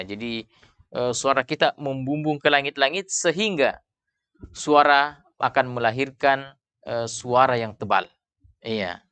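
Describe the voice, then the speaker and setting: A man's voice: mid-range voice, bright, forceful tone, clear, resonant tone, no room sound. A man teaching a tajwid lesson, explaining steadily and often saying "iya" between points. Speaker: Quran recitation teacher. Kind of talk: tajwid lesson with call-and-repeat.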